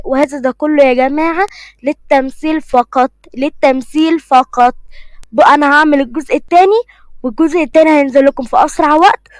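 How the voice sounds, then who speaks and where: An Egyptian woman tells a cartoon story, then chats straight to her viewers. Her voice is high and quick. The recording is dry and close. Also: dry recording. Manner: chatty, direct to viewers.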